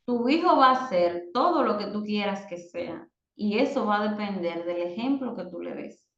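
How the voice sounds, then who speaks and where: A woman, a mother, teaching an online parenting course and giving direct advice with slow, emphatic stresses. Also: medium pitch, animated, roomy sound, dull audio.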